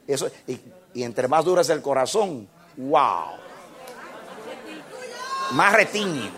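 A man preaching a sermon with passion, swinging between shouts and hushed low passages. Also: big pitch swings, takes it slowly, some chatter behind.

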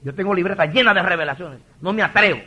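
Forceful husky male preacher. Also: high voice, fast. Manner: emotional testimony with frequent stumbling repetitions. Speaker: pastor. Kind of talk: impassioned sermon.

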